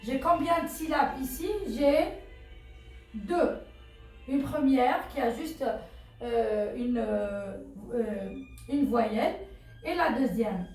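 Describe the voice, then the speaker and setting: A woman's voice: a little high, slow pace, pauses often, darkish tone. A woman teacher patiently walking children through a phonics exercise, repeating words and asking questions as she goes. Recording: very echoey room with faint music.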